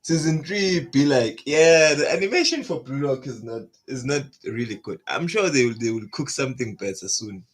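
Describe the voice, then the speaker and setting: A young man hosting an anime reaction, chatting casually in slang and breaking into excited bursts. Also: mid-range voice, moderate pace, few pauses, breathy edge.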